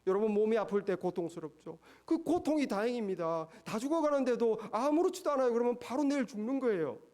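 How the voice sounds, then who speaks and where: A man preaching a sermon as pastor, emphatic and full of rhetorical questions, swinging between raised passages and quiet low asides. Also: lively intonation, fast talker.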